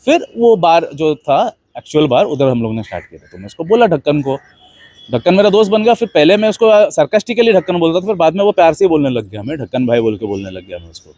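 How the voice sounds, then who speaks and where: Dark-voiced man telling a rambling story. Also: fairly high pitch, big pitch swings, quick pace, no echo. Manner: rambling anecdotal, mixing Hindi with English words. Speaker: host. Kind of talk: casual storytelling monologue.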